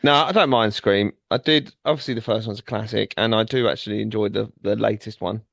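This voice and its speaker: A man co-hosting a podcast, answering in a quick, blunt, offhand way. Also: fairly low pitch, fairly even intonation, creaky, a bit bright. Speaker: podcast co-host. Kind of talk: casual chat.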